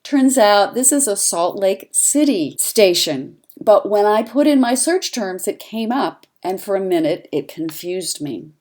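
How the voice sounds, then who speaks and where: Woman narrating a lively online lesson. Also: medium pitch, measured pace, hardly any pauses. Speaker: journalism instructor. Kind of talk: instructional voice-over narration.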